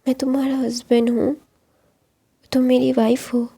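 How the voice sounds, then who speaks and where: A tender young husband soothing his partner in a hushed, level voice, as a woman narrator puts him on. The tone stays low and mellow with a gravelly, husky edge, and it rarely rises or falls. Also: level tone, moderate pace, heavily acted. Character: gentle, protective young husband.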